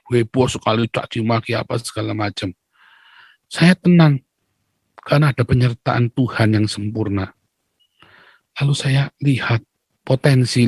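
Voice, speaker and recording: A man from Indonesia, a pastor and YouTuber, talking casually to his viewers in an animated way, keeps asking rhetorical questions and answering them himself, with teasing laughs. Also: mid-range voice, breathy edge, dry recording. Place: Netherlands.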